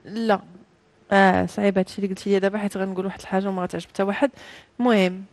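Quick, chatty Moroccan woman. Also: medium pitch, no room sound. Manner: animated, laughs often, mixes in French. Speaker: guest, actress. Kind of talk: casual interview.

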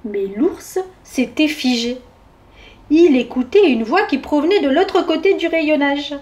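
High-voiced woman reading a children's story. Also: measured pace, darkish tone. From France. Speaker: children's story reader at a library. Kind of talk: storybook read-aloud for children.

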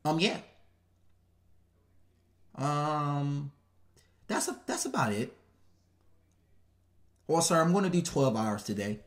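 A man's voice: on the high side, expressive, slow, long pauses. A man doing a polite, proper-talking retail worker.

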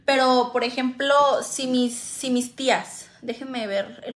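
A woman's voice: high-pitched, steady tone, slow. Frank Mexican woman chatting to viewers. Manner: frank, slangy, swears freely, talks straight to viewers. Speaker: vlogger and mother. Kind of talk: casual livestream chat. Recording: echoey room, faint background noise.

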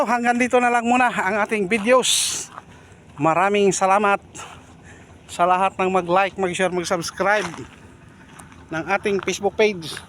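Male vlogger, high voice, chatty and directing people for photos, light outdoor hum behind. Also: a bit bright. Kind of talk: casual travel vlog.

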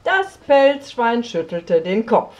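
A woman reading a children's story aloud, slow and expressive, often sinking to a soft near whisper. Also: on the high side, muffled recording.

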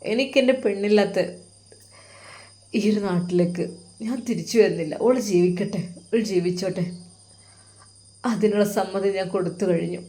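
A woman's voice: mid-range voice, moderate pace, pauses often, lightly acted. Woman doing a heartbroken young man. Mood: grieving, hushed. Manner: hushed, sorrowful inner monologue. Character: heartbroken young man, self-sacrificing, quiet.

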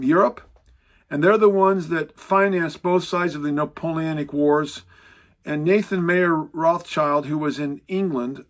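Seated close to a fixed camera in a book-lined home study, a Bible teacher in his sixties delivers lecture-style teaching. He is emphatic and animated, gesturing with both hands and raising his voice to stress points, his pitch climbing as he emphasizes lists.

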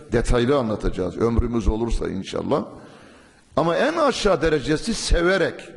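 A man preaching a sermon at a pulpit microphone, in a measured, emphatic way, now and then reciting verses in Arabic. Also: mid-range voice. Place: mosque pulpit. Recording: long hall reverb.

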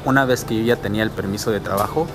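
Speaking very fast in a lowish voice, a vlogger from Mexico walks outdoors past suburban streets and a transit station, explaining immigration steadily into a handheld camera held at arm's length. Music runs underneath.

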